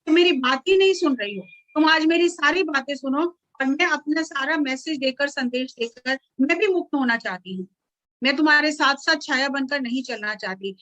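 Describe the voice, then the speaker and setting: A woman's voice: sits high, normal speed, a bit bright, no echo, lo-fi sound. A woman voicing her own shadow self as a female spirit who urgently pleads to be set free. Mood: pleading.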